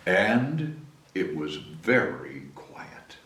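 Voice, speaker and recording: Deep-voiced but fairly bright in tone, a man who is a city mayor reads a children's storybook in a sing-song way, drawing out his words and chatting to young listeners between lines. The recording has roomy echo and faint noise from a distant mic.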